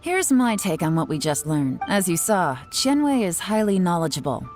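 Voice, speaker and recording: Low, mellow, composed female investigator. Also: sing-song, faint music behind. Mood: analytical, composed. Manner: measured, analytical, matter-of-fact. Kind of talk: video game voice acting.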